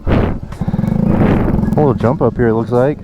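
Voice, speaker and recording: Riding a dirt bike on woodland trails outdoors, a young vlogger with a medium-pitched voice talks slowly and with some effort as the bumpy ride jostles him. His commentary is excitable, exclaiming, slangy bro talk, and the muffled recording sits over loud music.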